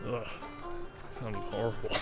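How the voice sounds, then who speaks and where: A man's voice: fairly low pitch, little pitch movement, measured pace, muffled recording, over music. A man asking a racer teasing questions after a race, outdoors and a bit away from the microphone. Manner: teasing, joking.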